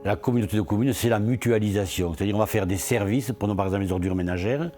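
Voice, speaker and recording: Speaking quickly in a somewhat low voice, a man plays an elected official touting what his locality has achieved. He sounds earnest and rhetorical, like someone in a promotional interview, while soft music drifts faintly in the background.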